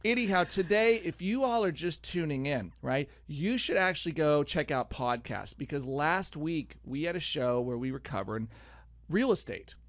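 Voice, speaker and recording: A man's voice: fairly high pitch, lively intonation, moderate pace, a little hiss or hum. A middle-aged man hosting a radio show from the studio, chatting casually and rambling with jokes and lots of fillers. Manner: rambling, joking, many fillers. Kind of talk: casual on-air chat.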